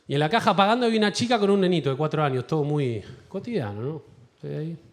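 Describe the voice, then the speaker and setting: A man with an Argentine accent doing a stand-up comedy set in a theater, telling animated stories and acting out voices. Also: fairly high pitch, very fast. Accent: Argentine Spanish. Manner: animated storytelling with acted-out voices. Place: large theater with live audience.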